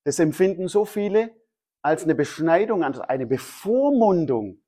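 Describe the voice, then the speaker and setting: Male pastor, mid-high voice, emphatic sermon delivery with repetition. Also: sing-song, unhurried, mellow. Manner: emphatic, repeats key phrases.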